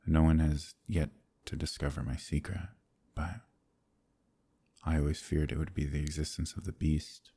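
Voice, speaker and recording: The speaker is a man in a romantic fantasy ASMR roleplay as a gentle, troubled werewolf, his voice deep and husky, his words formal and old-fashioned. Heavily acted yet soft-spoken and hesitant, he comes across moved and grateful.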